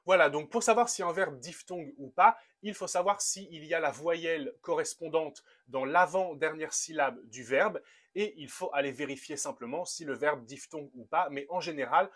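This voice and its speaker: A man teaching a language lesson, upbeat and methodical, slowing down to spell out each verb form. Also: on the high side, a bit bright. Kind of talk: explaining grammar to a camera.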